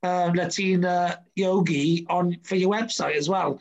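A man's voice: sits high, fairly even intonation, a little slow, low-quality recording. A man hosting a casual interview, chatty and rambling with lots of fillers. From Wales. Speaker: podcast host.

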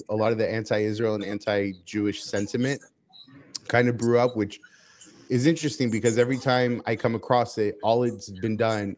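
Raised in the US speaking Hebrew first, this male interview guest gives long, steady, measured answers sprinkled with frequent "uh"s. His voice is on the low side, and a little hiss or hum is audible.

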